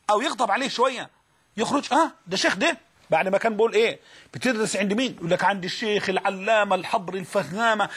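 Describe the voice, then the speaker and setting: A man's voice: high voice, a bit bright, slightly rough. A man with an Egyptian accent giving an Islamic lesson to students, telling stories animatedly and acting out the quoted voices. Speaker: preacher.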